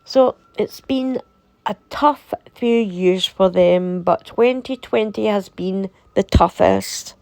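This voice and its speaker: A woman from the UK with a sore throat, giving casual, opinionated commentary in a deliberate, emphatic way, repeating phrases for effect. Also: mid-range voice, vocal fry, a little mellow, no room sound. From United Kingdom. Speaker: commentator reading and reacting to a website.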